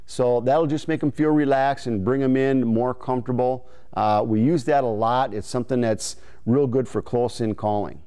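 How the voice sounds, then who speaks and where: A man in his forties presents an instructional video in a clean, smooth voice at a medium pitch. He explains things step by step in an informal, folksy way, like a practical instructor talking straight to the learner. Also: steady tone, moderate pace, few pauses, dark tone. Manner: folksy, informal, imitating call syllables as he explains. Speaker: duck calling instructor. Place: indoor studio in front of a green-screen backdrop. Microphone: lapel mic.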